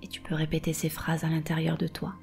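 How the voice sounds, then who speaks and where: A woman guiding a meditation softly and slowly, close in your ear, with a breathy voice that often slips toward a whisper. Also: low-pitched, monotone, soft background music. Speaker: meditation and hypnosis guide. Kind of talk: guided meditation, soft and slow.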